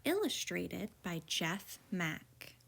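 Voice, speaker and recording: Using a low, creaky voice, a woman reads a children's picture book aloud like a teacher, telling the story expressively and deliberately.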